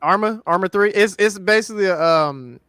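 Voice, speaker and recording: A man in a casual gaming chat, excitable and quick to laugh. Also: sits high, smooth, no room sound.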